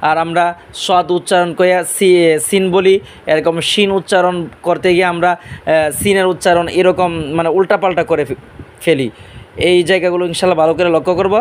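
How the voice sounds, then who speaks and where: High-voiced man drilling letter sounds. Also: fairly even intonation, brisk. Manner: explains mouth positions step by step. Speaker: Quran recitation teacher. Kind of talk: Arabic pronunciation lesson.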